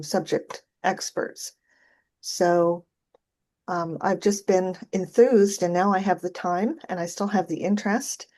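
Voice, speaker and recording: A woman's voice: mid-range voice, a little mellow. A retired nurse educator in her sixties, chatting enthusiastically on a video call panel. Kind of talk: casual panel chat.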